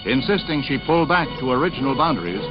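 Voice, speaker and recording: Man narrating an old newsreel, dramatic announcer over loud music. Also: medium pitch, sing-song. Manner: brisk, dramatic announcer delivery. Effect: old newsreel recording. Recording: dull lo-fi newsreel sound with music behind.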